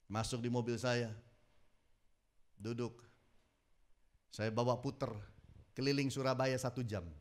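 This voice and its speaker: A man preaching a sermon, telling stories with dramatic swings between loud exclamations and low murmurs. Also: little pitch movement, a little slow, long pauses, clear, resonant tone. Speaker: pastor. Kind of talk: sermon with storytelling.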